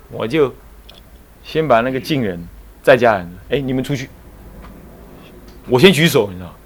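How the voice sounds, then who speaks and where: A man, a Buddhist monk and abbot, giving a dharma lecture, telling anecdotes with emphasis and frequent chuckles. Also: on the high side. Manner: animated storytelling, emphatic, chuckles often.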